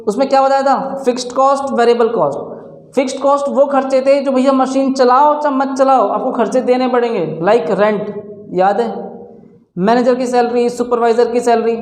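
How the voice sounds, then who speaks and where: A man with a very high-pitched, slightly mellow voice teaches a class, explaining things step by step. He poses questions to his students and then answers them himself, and this classroom lecture is recorded with a roomy echo.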